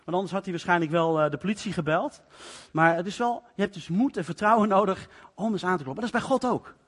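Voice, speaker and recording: A man's voice: sits high, quick pace. A male preacher giving a sermon in a conversational, explanatory way, acting out the parts of the story. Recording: long reverb of a large hall.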